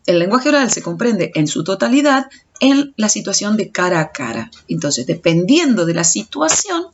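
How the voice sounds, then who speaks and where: A woman's voice: medium pitch, big pitch swings, moderate pace. A woman teacher giving a recorded audio lecture, explaining step by step and stumbling over restarts. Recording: dull lo-fi recording.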